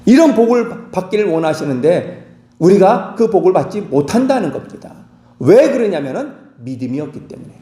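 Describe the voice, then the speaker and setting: Animated Korean pastor preaching in echo. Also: male voice, moderate pace. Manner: dramatic, acts out quoted dialogue with wide swings in pitch. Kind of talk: sermon. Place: church sanctuary.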